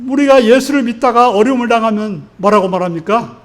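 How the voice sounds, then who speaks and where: High-voiced man preaching a sermon. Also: a little fast. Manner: asks the congregation frequent rhetorical questions; earnest, exhorting delivery. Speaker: pastor. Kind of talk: Sunday sermon.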